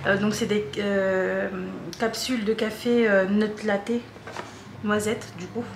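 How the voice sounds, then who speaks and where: A woman's voice: mid-range voice, steady tone, slow. French girl rambling through an unboxing vlog, lots of euhs, bit of a cough, echoey room with faint hum. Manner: rambling, lots of fillers and repeats. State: coughing a little. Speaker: vlogger. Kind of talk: casual chatty unboxing vlog. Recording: roomy echo, faint hum.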